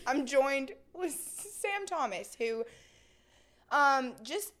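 Giggly young woman hosting a chatty podcast, high and lively voice. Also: very slow, slight background noise. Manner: giggly, playful, laughs often. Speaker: podcast host. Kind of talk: casual chat.

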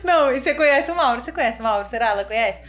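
A young woman, her voice sitting a little on the high side. She chats casually, expressive and teasing as she tells stories. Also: very fast. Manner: expressive, teasing, laughs while telling stories. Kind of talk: casual chat.

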